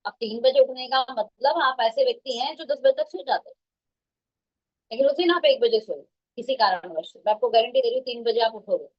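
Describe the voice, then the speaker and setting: A woman's voice: a little high, brisk. A woman giving an emphatic motivational talk, repeating her phrases and mixing in English. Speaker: motivational speaker. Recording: dull lo-fi sound.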